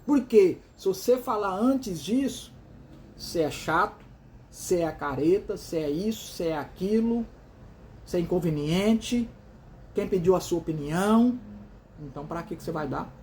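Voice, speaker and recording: A man's voice: high voice, animated, normal speed, a little mellow, a little hiss or hum. Emphatic Brazilian man giving motivational advice. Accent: Brazilian Portuguese. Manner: emphatic, repeats words in runs, calls the listener "dear"; asks himself questions and answers them. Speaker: host of a motivational series. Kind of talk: motivational talk on proverbs.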